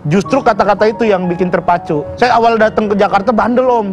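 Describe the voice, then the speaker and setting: A young man from Bima telling stories on a talk show as a stand-up comedian guest, chatty and given to excited yelps. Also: sits high, fast talker, dull audio, soft background music. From Bima, Indonesia. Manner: chatty, addresses the host as "Om", bursts into excited yelps. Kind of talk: casual talk-show storytelling.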